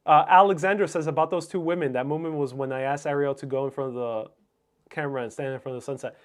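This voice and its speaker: A livestream host whose first language is Spanish reads and responds to viewer comments in a casual, musing, somewhat hesitant manner. His voice is a little high and steady, and he talks quickly.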